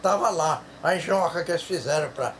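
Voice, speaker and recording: An older storyteller with an Amazonian Brazilian accent tells tales informally in a fairly high, slightly fast voice, rambling, repeating words and often ending phrases with a short question. A loud crowd can be heard, and the room is echoey.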